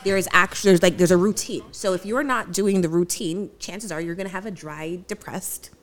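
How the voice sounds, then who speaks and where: Low-voiced, blunt woman in casual talk. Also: a little fast. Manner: blunt, emphatic, informal. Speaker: grooming professional, guest. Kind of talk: casual conversational interview. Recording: music behind the voice.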